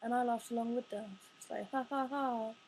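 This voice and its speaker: A woman in her twenties talking about her own life in a halting way, restarting phrases, her words sometimes coming out in a rush. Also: fairly high pitch, fairly even intonation, darkish tone, a little hiss or hum, low-quality recording. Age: 20s. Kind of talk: personal confessional talk.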